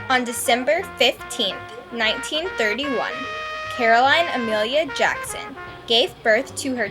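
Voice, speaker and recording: A young woman from Arkansas narrates from a script in a fairly high, lively voice that rises and falls a lot. Her delivery is earnest and read-aloud, with clear music playing under her. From Arkansas, USA. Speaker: documentary narrator.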